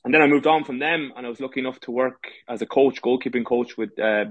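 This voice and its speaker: Here the same kind of speaker, an Irish footballer and coach in his thirties, chats as a podcast guest with lots of restarts and fillers. His pitch is medium and his pace quick, and the audio has no echo but the highs are cut off.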